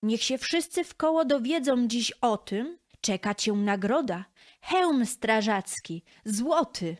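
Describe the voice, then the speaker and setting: A woman voicing a stern but kind-hearted village blacksmith who leads the fire brigade, speaking slowly and firmly. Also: a little high, expressive. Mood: proud. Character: gruff kind village blacksmith, fire chief, mustached man.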